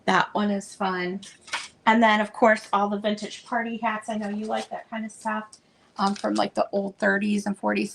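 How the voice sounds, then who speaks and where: A woman selling vintage items, chatting casually and meanderingly as she unpacks, with plenty of fillers, and a voice that is going a bit hoarse. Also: medium pitch, slight background noise, low-quality recording. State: losing her voice. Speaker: vintage seller showing stock. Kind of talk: casual unboxing chat.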